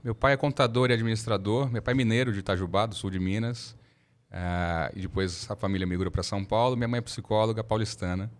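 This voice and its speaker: A Brazilian man in his thirties, a lawyer telling his story as a podcast guest in a measured, reflective way. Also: lowish voice, steady tone. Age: 30s. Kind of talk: casual interview talk.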